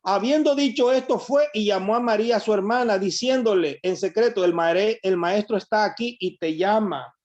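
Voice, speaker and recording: A man's voice: high-pitched, moderate pace, few pauses, a little mellow. A man preaching a sermon, reading scripture verses aloud and explaining them to his listeners. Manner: reads verses aloud and comments on them to the congregation. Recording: dull lo-fi recording.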